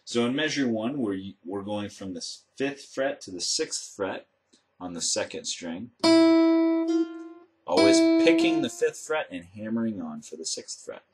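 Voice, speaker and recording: A man with a fairly low voice teaches guitar step by step. His explanations are measured and methodical. Acoustic guitar notes and plucking are prominent around his voice. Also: expressive. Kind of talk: instructional demonstration with step-by-step explanation. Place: indoor room with instruments.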